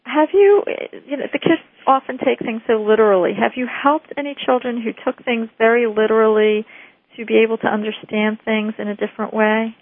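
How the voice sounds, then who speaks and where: A woman's voice: fairly high pitch, fairly even intonation, brisk, dry recording. A woman host asking a guest questions, with short prompts and follow-ups. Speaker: interview host. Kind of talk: interview questions. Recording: tinny phone-like line, dry.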